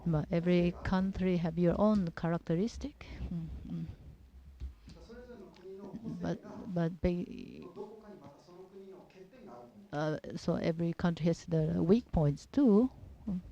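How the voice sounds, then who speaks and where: A woman from Japan with a Japanese accent giving an informal religious teaching talk in halting, simple non-native English, repeating her phrases. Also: on the low side, warm tone. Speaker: religious seminar speaker. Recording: dull, muffled lo-fi audio.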